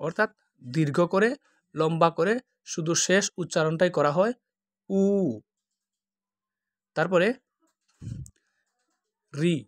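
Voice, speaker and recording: A man giving a patient tutorial, slowly drawing out each letter sound to compare two alphabets. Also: fairly high pitch, dry recording, studio quality. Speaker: language teacher. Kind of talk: tutorial explanation.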